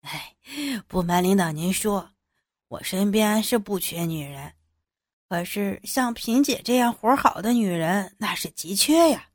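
A woman acts out a crude, sweet-talking younger man who flatters his boss, in an audio drama. Her voice is pitched down and sits in a dry, close recording. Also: unhurried, no echo. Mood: fawning.

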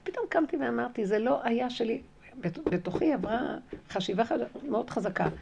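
A woman teaching a spiritual lesson through a personal story, her fairly high voice carrying a gravelly edge. She tells it animatedly, acting out her own past conversations and hammering home key phrases by repeating them. A faint hiss runs beneath her. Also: lively intonation, a little mellow.

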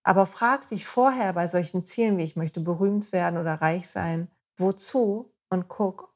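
A woman hosting a motivational self-help podcast, who talks straight to the listener in a gentle, encouraging way. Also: on the low side. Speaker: podcast host.

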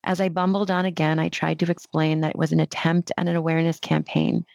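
A woman author reading her own personal essay aloud in a measured, heartfelt way. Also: low voice, level tone, vocal fry, a little mellow, dry recording.

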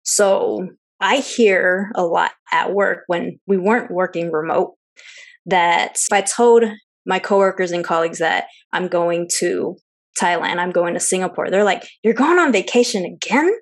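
A woman's voice: fairly low pitch, measured pace. A young woman from Seattle, co-host of a travel podcast, chatting in an interview with lots of fillers and easy laughs. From Seattle, United States. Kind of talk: casual interview chat.

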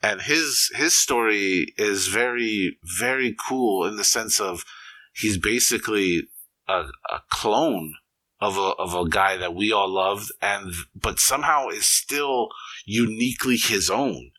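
A man's voice: lowish voice, unhurried, pushed and bright, no room sound, rough recording. A man in his forties from Hawaii, co-hosting a casual sports chat podcast and talking in an enthusiastic, chatty way with frequent restarts. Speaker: podcast co-host.

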